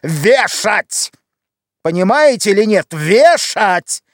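A man voicing a bitter, irritable young man awaiting execution, who snaps and shouts at his mother. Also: mid-range voice, lively intonation, a little slow, no room sound, clean studio sound, natural voice. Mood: desperate. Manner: sharp, shouting.

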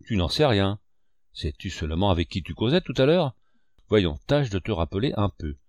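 A man's voice: on the low side, very animated, moderate pace, a little mellow, no echo. A man reading an audiobook, voicing a scheming one-legged innkeeper who blusters with theatrical indignation. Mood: blustering.

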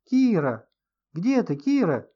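Guy doing a high shrieky panicky young woman, audiobook, kinda dull lo-fi sound. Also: very animated, moderate pace. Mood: screaming.

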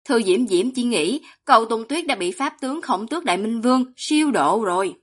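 A woman narrating a fantasy novel in audiobook style. Her voice sits a little high, and she keeps an even, steady reading pace. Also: brisk, breathy edge.

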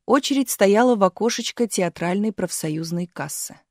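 In a clean studio take with no echo, a woman with a medium-pitched voice narrates an audiobook, reading expressively and at a measured pace.

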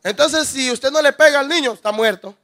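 Very high-voiced male preacher. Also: fairly quick, a bit bright. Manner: rhetorical questions, calls listeners "hermano", acts out scenes. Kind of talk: sermon.

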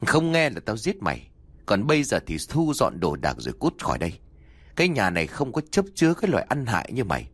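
A man's voice: lowish voice, huge pitch swings, quick pace, breathy edge, exaggerated voice. Man doing a brutal old landlord. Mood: threatening. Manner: barking, threatening. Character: cruel, greedy old male landlord, hot-tempered.

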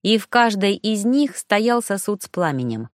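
Woman, audiobook narrator, first-person fantasy, measured, expressive, close dry mic. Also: medium pitch, dry recording. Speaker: audiobook reader.

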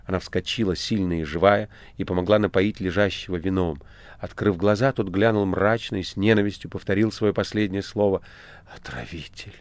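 A man narrating a literary audiobook in a dramatic, expressive reading. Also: sits low, brisk, no room sound.

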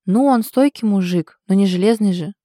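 A woman's voice: medium pitch, moderate pace, dark tone, no echo, close to an everyday voice. A woman reading the lines of a fond, ironic husband in an audiobook. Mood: wry fond. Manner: dry, ironic, affectionate. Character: teasing husband, a man, fond and wry.

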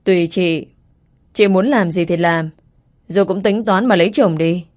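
A woman's voice: on the low side, moderate pace, natural voice. A woman voicing a blunt, nagging older rural mother.

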